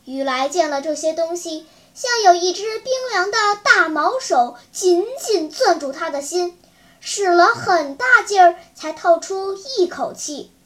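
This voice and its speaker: A woman's voice: very high voice, expressive, unhurried, fairly bright tone. A woman narrating a children's story in a vivid, dramatic storytelling manner. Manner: vivid, dramatic, clear enunciation.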